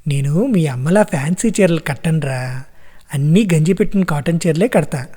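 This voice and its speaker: A man voicing a brisk, teasing old grandmother who scolds fondly, in an audiobook story. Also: on the high side, animated, dark tone. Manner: scolding yet affectionate. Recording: long reverb.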